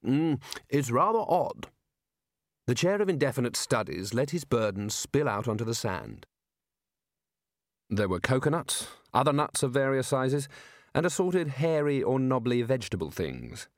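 A man narrating an audiobook in a measured storytelling way. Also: mid-range voice, big pitch swings, no room sound, studio quality. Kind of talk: scripted narration.

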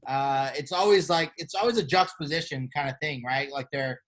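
A fairly high-voiced man co-hosting a casual podcast. He is playful and loose, full of fillers and the odd swear word, and hams it up when he reads out gossip. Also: fairly quick. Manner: playful, animated reading of gossip. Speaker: podcast co-host. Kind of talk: casual chat.

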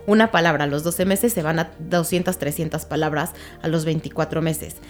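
A woman with a low-pitched voice speaks fairly quickly over soft background music. She's a child language therapist in an interview, patiently explaining with examples and checking that her listener is following.

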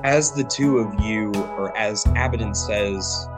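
A man's voice: lowish voice, a little slow, music in the background. A man narrating descriptively as game master of a tabletop role-playing game.

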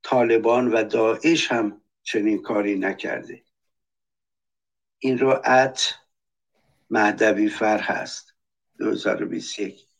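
A man's voice: on the low side, steady tone, pauses often. A man speaking on a political talk show, reading testimonies aloud and denouncing with anger. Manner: impassioned, reads testimonies aloud; angry, denouncing. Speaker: panelist.

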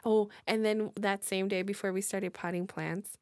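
A woman's voice: medium pitch, fairly even intonation, moderate pace, a little mellow, no room sound, studio quality. A young woman hosting a podcast, chatting casually and giggling often. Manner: giggly, laughs often between words. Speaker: podcast host. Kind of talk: casual chat.

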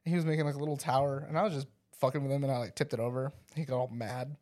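A man's voice: mid-range voice, fairly even intonation, very fast, darkish tone. A young man, a podcast host and father, chatting casually and telling rambling stories, laughing often and filling his talk with "like". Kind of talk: casual chat.

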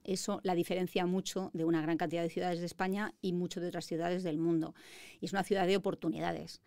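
Female guest, 50s, Madrid Spanish accent, self-assured storyteller, smooth and dry. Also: lowish voice, darkish tone, no echo. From Spain. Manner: confident, articulate storytelling. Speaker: guest, lawyer. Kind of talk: interview conversation.

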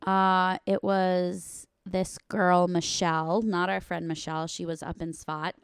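A woman's voice: on the low side, little pitch movement, measured pace, clear, resonant tone, no room sound, studio quality. A woman in casual chat who laughs easily and pushes back on her friend's details.

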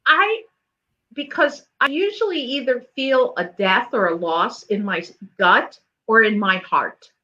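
Unhurried woman grief coach, gentle and careful, slightly high voice. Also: lively intonation, highs cut off. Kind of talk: casual conversation.

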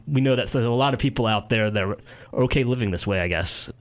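A man's voice: lowish voice, fast talker. A man hosting a local talk show, blunt and opinionated, rambling through his points. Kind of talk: casual talk radio chat.

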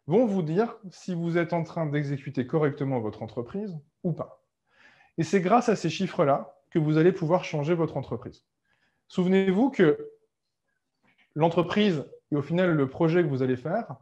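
A man giving a casual, conversational talk on starting a business, full of fillers and quick self-corrections. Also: fairly high pitch, warm tone, highs cut off. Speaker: entrepreneurship coach. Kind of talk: casual explanatory talk to camera.

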